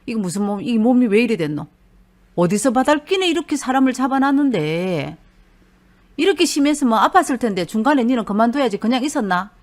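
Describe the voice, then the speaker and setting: A woman's voice: medium pitch, very animated, normal speed. Woman voicing a blunt, exasperated Gyeongsang husband who raises his voice. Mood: scolding. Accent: Gyeongsang Korean. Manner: loud, scolding, exasperated. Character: blunt irritable middle-aged husband.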